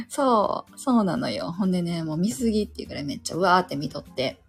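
Rambling Kansai woman, slightly husky. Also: fairly low pitch, big pitch swings, a little fast, faint music behind. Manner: rambling, self-deprecating, loses her train of thought. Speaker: podcast host, stay-at-home mother. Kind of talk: casual solo chat.

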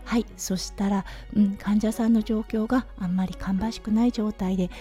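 A woman with a hoarse, slightly raspy voice from overuse, chatting through a casual solo audio diary as a host. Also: mid-range voice, fairly even intonation, moderate pace, dark tone. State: hoarse from overuse, sore throat. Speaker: podcast host, anaesthetic nurse. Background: background music.

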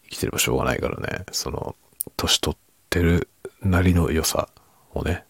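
A middle-aged man murmurs a casual late-night chat meant for sleep. His voice is extremely deep, with a gravelly fry, and often thins into a whisper as sentences trail off. It is unhurried and soft, recorded dry and close. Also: no room sound. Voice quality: husky, low murmur drifting into whisper. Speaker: podcast and ASMR creator.

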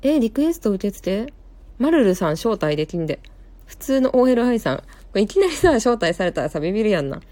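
Very animated and a little fast, this medium-pitched, dark-toned woman's voice belongs to a young Kansai-accented live streamer. She chats in a rambling style full of fillers, reads out viewer comments and keeps correcting herself.

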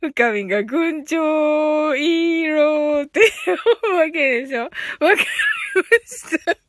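On a relaxed livestream, a woman teaches English phrases, chats, giggles often and reads comments from her listeners. She speaks slowly in a high-sitting voice, captured as a dry, studio-quality recording.

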